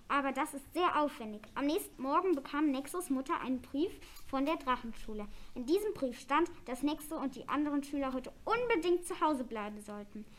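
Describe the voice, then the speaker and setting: A woman reading a children's story aloud in a plain, even way. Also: high voice, slight background noise.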